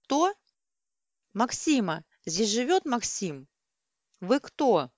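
A woman voicing a hard-of-hearing old woman who answers the phone in a creaky, shouting voice. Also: a little high, sing-song, slow, dry recording, clean studio sound, pitched above the performer's own voice. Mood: loud confused.

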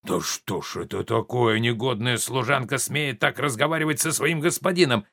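A man's voice: medium pitch, moderate pace, vocal fry, bright, forceful tone, no room sound, studio quality. A man voicing a grumpy, bossy older invalid father in a play reading, blustering and irritable. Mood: angry.

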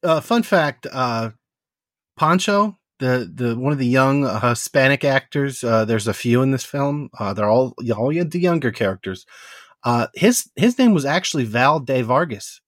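Male podcast co-host, medium pitch, dry mic, easygoing opinions. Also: expressive, measured pace, fairly bright tone, no echo. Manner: offhand, sprinkles fun facts, many fillers. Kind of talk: casual chat.

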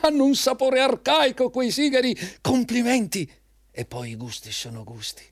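In a theatrical Italian radio drama, a male actor plays an ingratiating, eager job applicant, effusive, insistent and rapturous. His very high-pitched voice is animated, and he speaks at a normal speed.

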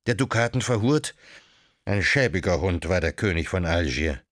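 A man reading an audiobook and voicing a proud, mocking middle-aged veteran who taunts slowly and with relish. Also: low-pitched, expressive, a bit bright, no room sound, studio quality, voice pushed down. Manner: slow, relishing mockery. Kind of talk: audiobook character voice.

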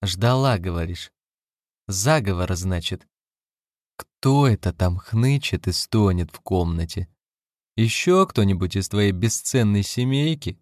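A man reading an audiobook, voicing a bitter, bewildered husband who answers gruffly and sarcastically. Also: lowish voice, lively intonation, unhurried, a little mellow, no echo, studio quality. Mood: sarcastic.

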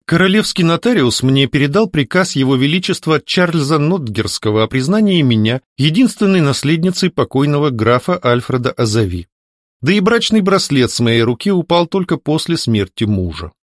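A man's voice: on the high side, big pitch swings, normal speed, no echo, clean studio sound. A man voicing a young countess who questions and commands firmly. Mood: probing. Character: young widowed countess, sharp and firm.

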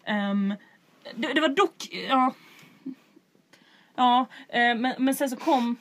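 A young woman telling a story in casual chat, animated and acting out other people's lines. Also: high voice. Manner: animated storyteller, acts out others in exaggerated English.

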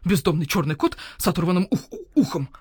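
A woman's voice: fairly low pitch, very animated, fast talker, a little mellow, breathy edge, no echo, exaggerated voice. A woman reading aloud gives voice to a flustered old owl who can't stop hooting mid-word. He wheezes and stammers through his excuses. The storybook recording is dry and close. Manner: stammers hoots into words. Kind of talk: audiobook character voice.

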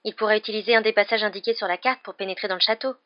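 A woman voicing a bossy, anxious teenage schoolgirl witch with a high, insistent voice, in a dull lo-fi recording. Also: fairly even intonation, racing, natural voice. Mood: worried.

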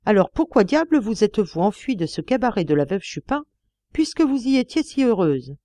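A woman's voice: medium pitch, sing-song, a little fast, mellow, no echo, lightly acted. A woman voicing a young policeman, insistent. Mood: probing. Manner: insistent, coaxing questions. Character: young male policeman, probing and persistent. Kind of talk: audiobook character reading.

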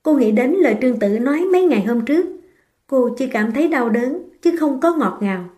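A woman narrating a romance novel in a steady, even reading voice. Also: high voice, a little fast. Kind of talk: scripted audiobook narration.

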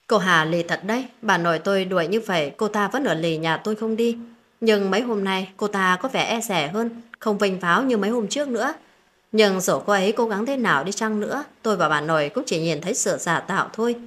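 A woman's voice: mid-range voice, fairly bright tone. A woman telling a first-person family drama story in a dramatic reading style. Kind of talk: scripted narration.

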